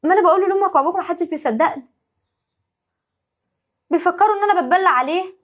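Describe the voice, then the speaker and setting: A woman with an Egyptian accent playing a put-upon young wife and mother in a family sketch, talking in an exasperated, pleading way. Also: very high voice. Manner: exasperated, pleading, quick rapid-fire talk. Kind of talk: home-video family sketch acting.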